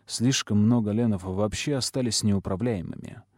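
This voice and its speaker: A man narrating a fantasy novel in an even storytelling manner. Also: fairly low pitch, normal speed, no room sound, studio quality. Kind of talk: audiobook narration.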